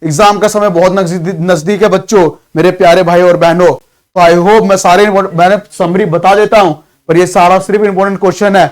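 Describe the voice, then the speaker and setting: High-voiced Bihari teacher, drilling quiz questions. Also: male voice, steady tone. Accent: Bihari Hindi. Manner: reads questions slowly, explains in fast chatty Hindi. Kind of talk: exam-prep lesson.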